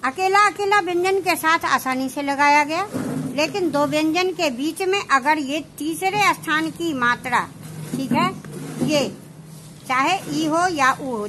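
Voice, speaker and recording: High-pitched lady teacher going slow over each shorthand sign, keeps asking if u got it. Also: noisy background. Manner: explains step by step, checks understanding with questions. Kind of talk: slow classroom explanation.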